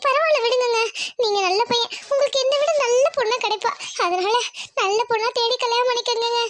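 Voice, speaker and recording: A very high, bright voice plays a scheming young cartoon bride who is sweet to the groom and sly in her asides. The recording is dry and close. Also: quick pace, no room sound. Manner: scheming asides muttered between polite lines. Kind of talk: Tamil cartoon dubbing with asides.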